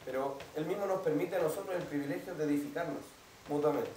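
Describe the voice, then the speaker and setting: Echoey pastor teaching from the pulpit. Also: male voice, on the high side, quick pace, warm tone, a little hiss or hum. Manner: explanatory, keeps asking "¿cierto?" to the congregation. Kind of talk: teaching sermon. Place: church hall. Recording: echoey hall, mic at a distance.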